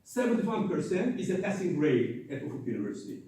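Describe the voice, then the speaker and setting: A man gives an emphatic conference lecture. His high voice swings widely as he repeats words and sounds out examples. He is picked up from far off, with heavy echo from the hall. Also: very animated, brisk, dark tone, slight background noise. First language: Turkish. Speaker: conference presenter. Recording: echoey hall, distant mic.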